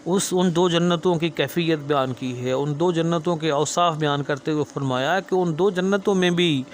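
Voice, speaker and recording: A man delivers a sermon in a slightly raised register, working through verses with steady earnestness. He circles back on phrases again and again to drive a point home, and a faint hiss sits under the recording. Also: a little high. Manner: melodic drawn-out chanting of verses, then earnest explanatory speech; repeats phrases for emphasis. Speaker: Quran teacher. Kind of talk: Quran recitation and sermon explanation.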